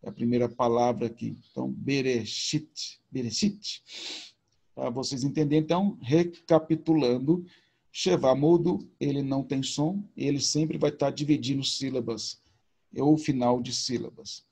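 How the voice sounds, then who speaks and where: A man's voice: medium pitch, normal speed, creaky, warm tone, husky. A man teaching a recorded video lesson, explaining patiently and informally with repetition. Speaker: Hebrew teacher.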